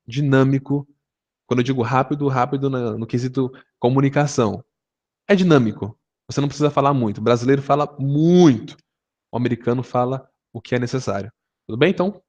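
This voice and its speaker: A man's voice: medium pitch, a little mellow. A man teaching English online in a casual, conversational way, full of fillers and rhetorical questions. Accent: Brazilian Portuguese. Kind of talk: online video lesson.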